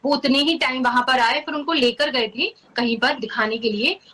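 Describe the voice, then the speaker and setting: A young woman with a high, bright voice recounts a personal story in a casual, earnest way. She talks animatedly and leans on fillers as she goes. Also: normal speed, slight background noise, poor audio. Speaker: guest sharing a devotional experience.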